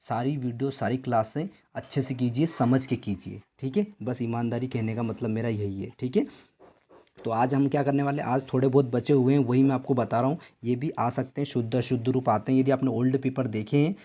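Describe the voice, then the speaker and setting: A male teacher with a Madhya Pradesh Hindi accent leads an exam-prep lesson in a warm, mellow, middling-pitched voice. He keeps posing questions and answering them himself, repeating answers back to students as questions. After each point he checks in with a steady "theek hai."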